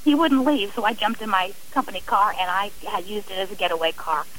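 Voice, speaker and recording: Speaking briskly in a mid-range, fairly bright voice, this middle-aged woman gives a heartfelt personal account as a radio interview guest. She frequently starts her sentences over, and the audio is poor.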